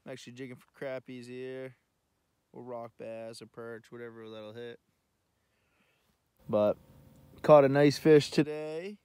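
A man casually narrating his ice fishing vlog outdoors on a frozen river, with excited bursts whenever a fish bites. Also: medium pitch, measured pace, long pauses, smooth, dry recording. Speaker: fishing vlogger. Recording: noisy outdoor recording.

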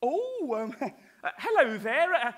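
A man presenting a live children's stage show on a theatre stage, excitable and giggly, full of oohs, talking to the audience. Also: extremely high pitch, slow. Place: theatre stage with farm set.

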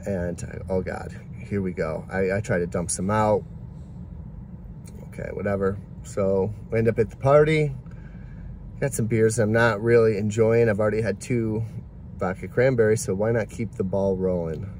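A man's voice: on the low side, steady tone, normal speed, a little mellow, slight background noise. A man in his forties talking candidly to a phone camera from inside his car, reflective and rambling. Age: 40s. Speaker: delivery driver vlogger. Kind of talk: casual reflective vlog talk. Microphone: phone camera at arm's length.

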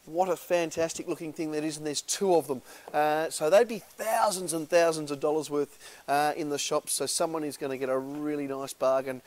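A man's voice: a little high, fairly even intonation, a little fast, a little mellow. Upbeat Australian auctioneer man. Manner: upbeat, salesy, many filler "uh"s. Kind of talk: casual walkthrough preview. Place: large indoor warehouse.

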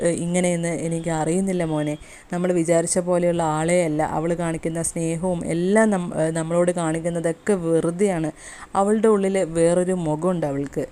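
A woman's voice: on the low side, mellow, close to an everyday voice. A woman reading the lines of a worried middle-aged mother in a serial recap, hesitant and guarded as she confides in her son.

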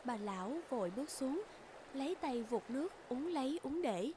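Higher-voiced woman narrating a fairy tale. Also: lively intonation, moderate pace, noisy background. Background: loud background music.

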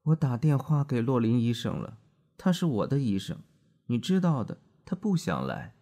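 A man voicing a refined, anxious middle-aged wife who speaks softly and apologetically. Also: mid-range voice, sing-song, normal speed, pitched above the performer's own voice.

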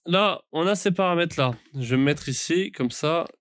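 A man's voice: fairly high pitch, animated, moderate pace, a bit bright, dry recording, studio quality. Man rambling through a setup tutorial. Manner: rambling with many fillers and restarts. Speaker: sim racing YouTuber. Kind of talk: casual tutorial walkthrough. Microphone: studio microphone at a desk.

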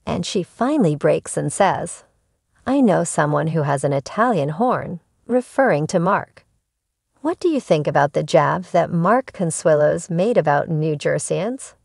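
Woman, low voice, lively pitch swings, scripted news narration, dry close sound. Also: vocal fry, no echo. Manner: reads a written script in even, formal sentences.

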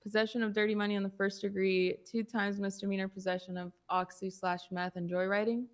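A woman's voice: medium pitch, flat delivery, a little fast, clear, resonant tone. A woman improvising as a police officer in a game, explaining procedure in a polite manner. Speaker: player acting as a police officer. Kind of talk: improvised game role-play, procedural talk.

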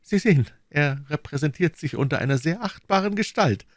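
A man's voice: fairly high pitch, lively intonation, a little fast, no echo, clean studio sound, voice pushed up. A man voicing a tender, frightened young woman in an audiobook, pleading in a raised voice. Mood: anxious. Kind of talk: audiobook reading, acted dialogue.

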